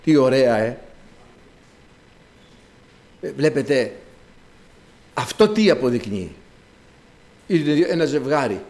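A man's voice: mid-range voice, sing-song, long pauses, a little mellow. A man preaching a sermon to his congregation, emphatic and exclamatory, calling out to the brothers. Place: church.

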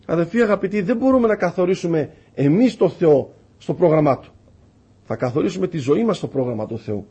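A man's voice: a little high, expressive, warm tone, slightly rough. A man preaching a sermon with passion, telling stories and acting out the dialogue in them. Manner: impassioned, acts out dialogue in stories.

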